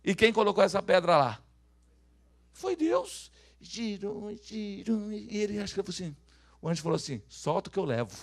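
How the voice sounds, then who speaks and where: High-voiced Brazilian pastor preaching with shouts. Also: male voice, a little fast, vocal fry. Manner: swings from hushed asides to shouted calls for the congregation to repeat. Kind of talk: sermon.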